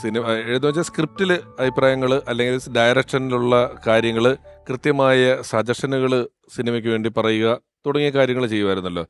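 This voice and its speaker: A man's voice: mid-range voice, fairly quick, clear, resonant tone, soft background music. A man hosting a chat show who asks questions and gives formal, flowing introductions of his guests. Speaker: host.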